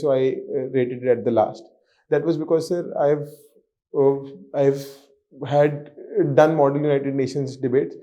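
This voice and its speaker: A man's voice: on the high side, warm tone. A man in his twenties with an Indian accent answering formally and a little nervously as an interview candidate, deferential and hesitant. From Haryana, India. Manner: deferential, often saying sir.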